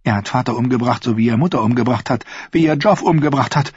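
A man's voice: medium pitch, quick pace, darkish tone, breathy edge, dry recording, voice pushed up. A man reading an audiobook voices a proud, furious queen who gives imperious, cutting commands. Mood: frantic. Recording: dull lo-fi recording.

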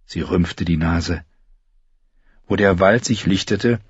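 A man narrating an audiobook in a steady, measured storytelling manner, with a husky voice. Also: low voice, no room sound, lo-fi sound.

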